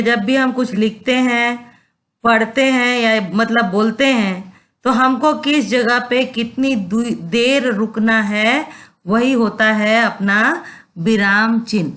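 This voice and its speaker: Slow, patient woman teacher. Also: fairly high pitch, a bit bright. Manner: patient, repeats points and checks understanding; mixes English words into Hindi. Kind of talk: classroom lesson on Hindi grammar.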